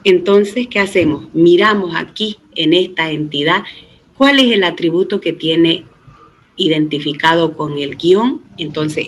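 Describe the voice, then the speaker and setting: A man's voice: on the high side, a bit bright, rough recording. A middle-aged man giving a recorded database lecture, explaining step by step. He often checks in with the students and says 'este' as a filler. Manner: patient step-by-step explaining, with frequent tag questions to students; uses 'este' as a filler and often restarts words. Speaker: database teacher.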